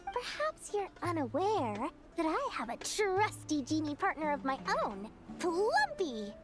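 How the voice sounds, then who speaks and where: A woman's voice: extremely high pitch, huge pitch swings, unhurried, heavily acted. A woman voicing a small, shrewd, boastful female merchant in a video game, with haughty, theatrical salesmanship. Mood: smug. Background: music.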